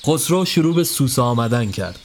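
A man giving a scripted narration of a horror story in a steady storytelling voice. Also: a little hiss or hum. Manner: steady storytelling, dropping low for tense moments. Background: faint music.

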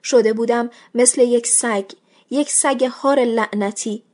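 Female audiobook reader, slightly high voice, measured, expressive first-person storytelling. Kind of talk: literary short story narration.

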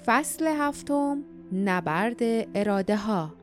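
A woman reading an audiobook in a measured, steady storytelling manner. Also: medium pitch, soft background music. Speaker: audiobook narrator. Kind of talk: scripted audiobook narration.

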